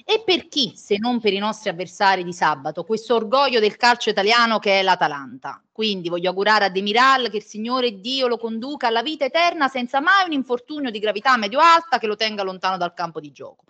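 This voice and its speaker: A woman's voice: mid-range voice, lively intonation, a little fast, few pauses, sharp tone. A woman co-hosting a casual, humorous football podcast. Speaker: podcast co-host. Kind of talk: casual chat and humorous letter reading.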